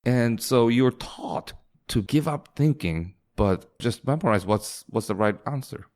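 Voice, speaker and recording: A Singapore-raised startup founder chats casually as an interview guest, often restarting his phrases and quoting others in a lighter voice. His mid-range voice has lively intonation, a slightly slow pace, and a somewhat mellow quality.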